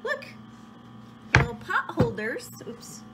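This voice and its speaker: A woman's voice: very high voice, huge pitch swings, slow pace, bright, forceful tone, faint music behind, poor audio. A young woman chatting casually to camera while she cooks and preps meals in her home kitchen, upbeat and talkative with her hands busy. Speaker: vlogger sharing meal prep. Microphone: phone camera propped on a counter.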